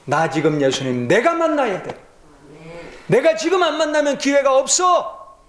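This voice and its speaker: A man voicing a desperate blind male beggar, pleading and shouting for help. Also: huge pitch swings, moderate pace. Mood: urgent. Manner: pleading, shouting at a high pitch. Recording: echoey church hall.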